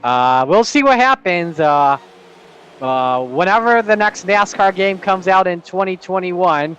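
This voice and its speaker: A man's voice: sits high, lively intonation, unhurried, fairly bright tone, clean tone, lo-fi sound. A man co-commentating a sim race, casual and hesitant with fillers.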